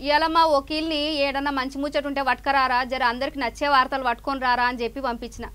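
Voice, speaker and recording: A woman's voice: high-pitched, little pitch movement, racing. A woman with a Telangana accent anchoring a comic news sketch, coaxing and consoling in a fussing way. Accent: Telangana Telugu. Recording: loud music playing behind.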